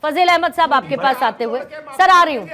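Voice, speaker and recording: A woman's voice: sits high, expressive, fairly quick, bright, forceful tone. A woman anchoring a heated TV news debate, cutting in and pressing her questions again and again. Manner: insistent, repeats questions and cuts in. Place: TV news studio.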